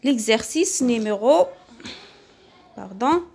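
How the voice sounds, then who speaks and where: A woman's voice: a little high, animated, gravelly, a little mellow, breathy edge. Woman teaching French to children. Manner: slow, drawn-out French words for children to repeat, quick Arabic explanations. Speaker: primary school French teacher. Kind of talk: textbook lesson explanation.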